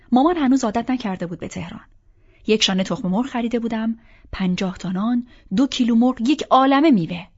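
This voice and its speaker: A woman's voice: on the high side, darkish tone. A woman reading a first-person novel aloud as an audiobook narrator, in a reflective, inward storytelling manner. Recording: slightly dull audiobook recording.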